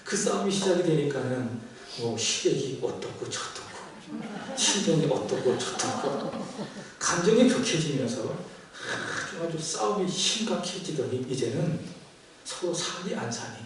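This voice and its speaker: A man's voice: mid-range voice, animated, measured pace, a little hiss or hum. A male pastor preaching a sermon, telling a story and addressing the congregation directly. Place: church sanctuary. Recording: echoey church from a distance.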